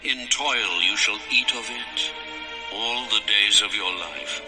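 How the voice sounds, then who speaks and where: A man's voice: lowish voice, over music. A man playing God as a stern, commanding deity in a dramatized audio scripture, speaking solemnly and weightily. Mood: grave condemnation. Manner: solemn, slow, weighty pronouncements.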